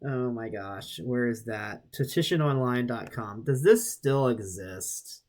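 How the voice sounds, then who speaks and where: Rambling young man reading and reacting. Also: takes it slowly. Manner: rambling, restarts, animated pitch jumps. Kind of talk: casual commentary reading a web page aloud.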